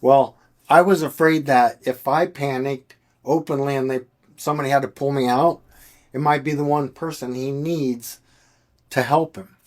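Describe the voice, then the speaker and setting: Man, podcast guest, earnest testimony, animated storytelling, mid-pitched voice. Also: normal speed.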